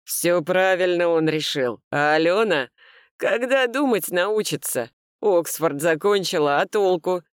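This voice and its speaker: A woman reading a gruff, booming older man. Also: expressive, a little slow, no echo, clean studio sound. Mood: scornful. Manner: booming, scolding. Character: gruff blunt older man, loud and scornful.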